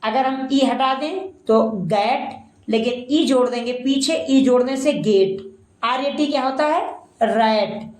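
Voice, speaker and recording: A woman's voice: sits high, takes it slowly, darkish tone, reverberant, poor audio. A woman teaching pronunciation, spelling words letter by letter and drilling the sounds, often addressing her listeners as friends. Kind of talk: pronunciation lesson.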